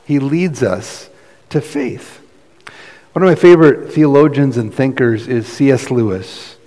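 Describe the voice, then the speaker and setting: A male pastor preaching at an unhurried, deliberate pace, leaning hard on key words and dropping to near hushes in between. His voice sits at an ordinary male pitch. The sound carries the long reverb of a church sanctuary. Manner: earnest, emphatic preaching with shifting volume. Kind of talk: sermon.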